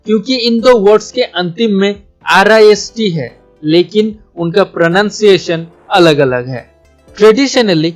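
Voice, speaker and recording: A young man with a notably high voice gives a methodical explainer lesson on poetry, moving steadily from one term to the next. English terms slip into his Hindi sentences throughout. Soft music hums faintly under his close-mic voice-over. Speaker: literature teacher, channel host.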